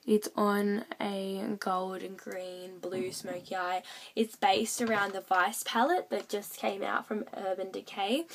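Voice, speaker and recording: Woman, beauty vlogger, hoarse with a cold, hesitant delivery. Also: medium pitch. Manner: hesitant, many fillers. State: croaky from a cold. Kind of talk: casual makeup tutorial.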